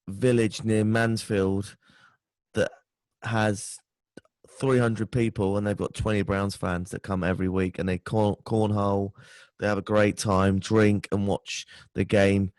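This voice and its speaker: A tired, hungover British man chatting casually about sport as a podcast guest, halting and stumbling over his words. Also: fairly low pitch, no room sound. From United Kingdom. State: tired and hungover, short of sleep.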